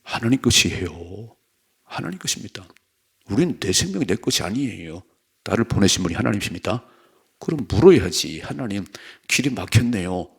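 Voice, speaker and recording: A man's voice: lowish voice, big pitch swings, fairly quick, creaky, slightly rough. A male pastor preaching an early-morning sermon, reading scripture aloud and pressing the congregation with emphatic rhetorical questions. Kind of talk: dawn prayer sermon.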